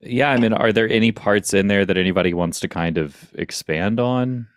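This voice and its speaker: A man's voice: fairly low pitch, normal speed, dry recording, studio quality. A man on a podcast casually chatting and wrapping up a movie recap. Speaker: podcast host. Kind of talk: casual chat.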